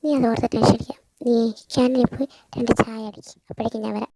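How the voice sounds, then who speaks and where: A woman playing a brisk, reassuring young friend. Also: fairly high pitch, flat delivery, vocal fry, heavy background noise. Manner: chiding, reassuring, colloquial. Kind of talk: audio story role-play.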